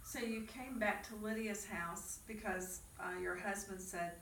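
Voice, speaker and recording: A woman's voice: medium pitch, steady tone, measured pace, vocal fry, fairly bright tone. A middle-aged woman interviewing and earnestly explaining her program's rules, recorded from a distance. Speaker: ministry program director. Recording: echoey room, mic far off, faint noise.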